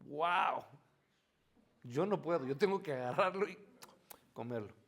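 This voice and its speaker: A man's voice: fairly high pitch, expressive, unhurried, a bit bright. A man preaching a morning church sermon in a conversational teaching style, often asking the congregation questions and answering them himself, with homely asides.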